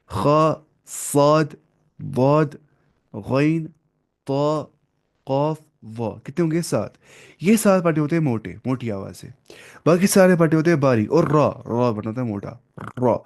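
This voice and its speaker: A man teaching a recitation lesson, asking his students questions over and over and slowing down to spell out terms, clearing his throat now and then. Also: medium pitch, a little mellow. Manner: drills students with repeated questions. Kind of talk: classroom lesson.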